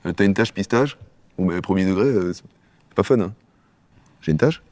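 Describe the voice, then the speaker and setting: Male sketch comedian, low register, rapid-fire bickering delivery, dry close sound. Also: expressive, darkish tone, dry recording. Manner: quick, bickering back-and-forth between two characters.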